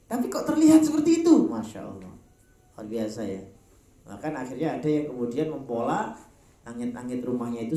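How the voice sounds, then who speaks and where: Lively jokey Javanese preacher man. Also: sits high, reverberant. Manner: jokey, acts out little dialogues, laughs often. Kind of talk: relaxed Quran study talk to an elderly group. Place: outdoor park gathering.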